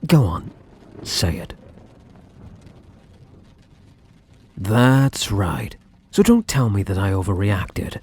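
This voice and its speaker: A man playing a possessive, lovesick ex-boyfriend in an ASMR role-play, speaking intensely and defensively to the listener with dramatic pauses. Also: lowish voice, big pitch swings, a little mellow, husky, full character voice. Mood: defensive, demanding. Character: possessive, obsessive ex-boyfriend, self-justifying and lovesick.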